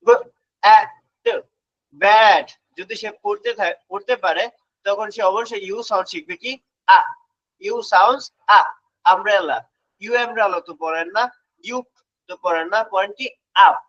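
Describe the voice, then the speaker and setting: A man's voice: high voice, sharp tone, a little hiss or hum. A man teaching phonics to parents in an online class, sounding out letters and slipping English phrases into his Bengali. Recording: dull, lo-fi sound.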